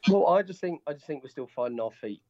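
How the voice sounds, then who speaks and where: A fast-talking man with a slightly high, warm voice and lively intonation chats casually as a podcast co-host on a Skype call. A head cold makes him stuffy and muffled, as if speaking from behind a wall, and he rambles and corrects himself along the way. The call audio is dull and lo-fi but has no echo.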